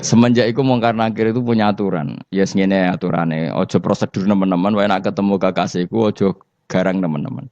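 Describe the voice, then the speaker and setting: An Islamic preacher with a Javanese accent gives a religious lecture, telling humorous stories and quizzing his listeners. His voice is low-pitched and darkish, a little fast, with no echo, in a dull lo-fi recording.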